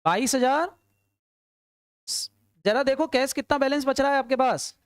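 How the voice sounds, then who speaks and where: A woman teaching accounts to a class, firing questions at her students, urging quick answers and often answering them herself. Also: high-pitched, smooth, no echo, clean studio sound. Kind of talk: classroom lecture.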